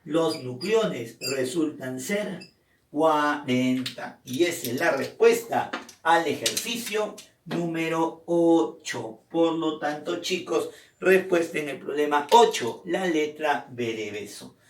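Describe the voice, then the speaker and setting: A man's voice: a little high, animated, slow pace, echoey room, distant mic, a little hiss or hum. A man teaching a chemistry lesson, explaining step by step and asking and answering his own questions.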